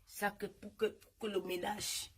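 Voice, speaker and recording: A woman's voice: mid-range voice, level tone, measured pace, very noisy. A woman streaming live from home on her phone, chatting with followers, showing items to the camera and scolding viewers who comment. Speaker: social media influencer.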